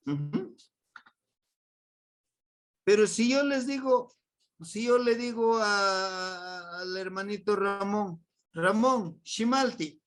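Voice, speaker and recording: A man's voice: sits high, fairly bright tone. A man with a Mexican accent teaching a grammar lesson to a class, patiently repeating words and quizzing his students. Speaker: language teacher.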